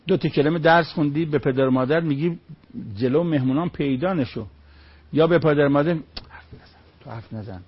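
A man's voice: fairly high pitch, husky, dull audio. A man preaching on Quran verses, emphatic, with rhetorical questions and short stories.

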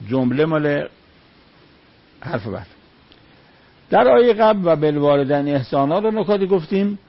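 A man's voice: a little high, no room sound, highs cut off. A man preaching on Quran verses, emphatic, with rhetorical questions and short stories.

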